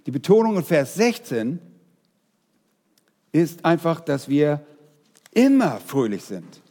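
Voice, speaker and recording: A man preaching a sermon, speaking straight to his congregation in a lively way. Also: on the high side, slow, long reverb tail. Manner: lively, addresses the congregation directly.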